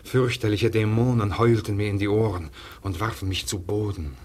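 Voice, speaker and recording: A man reading a first-person literary monologue aloud in a measured, solemn and dramatic way, sometimes dropping to a hush. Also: on the low side, steady tone.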